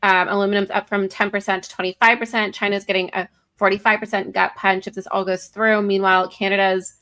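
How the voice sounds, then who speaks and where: A woman's voice: medium pitch, little pitch movement, a little fast, sharp tone. A woman co-hosting a casual political talk show, reading news articles aloud with many fillers and self-corrections. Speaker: co-host.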